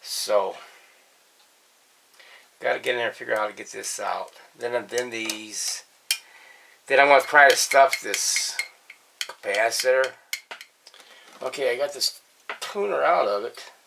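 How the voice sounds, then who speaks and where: A medium-pitched, creaky-voiced man takes his time, pausing often, as he hosts a colloquial, hands-on vlog about restoring vintage radios from his workshop. Faint background noise runs underneath.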